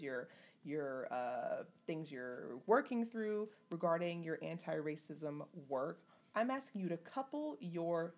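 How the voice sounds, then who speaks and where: A woman co-hosting a podcast, talking casually and haltingly with frequent restarts. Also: low-pitched, a little mellow. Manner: halting, many fillers and restarts. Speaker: podcast co-host.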